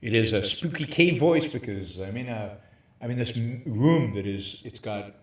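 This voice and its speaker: A man speaking in an even, middle-range voice, hosting a show and lecturing with emphasis. His voice bounces around a hotel room with very high ceilings, giving it a spooky cave-like echo. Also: normal speed. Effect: hollow cave-like echo. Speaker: show host. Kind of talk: livestream talk on philosophy.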